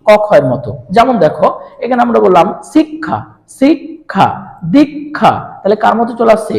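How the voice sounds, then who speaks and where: Teacher doing an online pronunciation class, asks and answers his own questions, a bit of fry, lots of reverb. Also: medium pitch, animated, darkish tone. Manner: repeats example words slowly and clearly.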